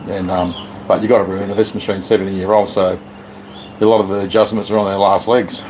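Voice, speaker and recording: A man's voice: low voice, little pitch movement, quick pace, background noise. A man co-hosting a pinball repair stream, chatting in a laid-back way with short remarks. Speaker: co-host and repairer. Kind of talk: casual chat.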